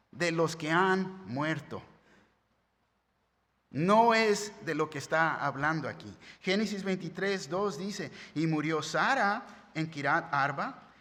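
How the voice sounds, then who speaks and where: A man's voice: a little high, bright, forceful tone. A man, preaching a sermon as pastor in a conversational way, often asking "right?". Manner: conversational preaching with tag questions. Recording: long hall reverb.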